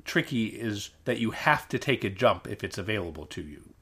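A man's voice: on the low side, sing-song, normal speed, pushed and bright, slightly rough. A man co-hosting a podcast in casual chat, rambling and digressive with a wry, dry humor. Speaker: podcast co-host. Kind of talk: casual chat recapping a dating show.

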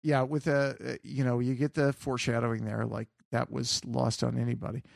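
A man's voice: medium pitch, level tone, brisk, creaky, no room sound, clean studio sound. A man co-hosting a podcast in casual chat, rambling with restarts and swearing. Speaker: podcast co-host.

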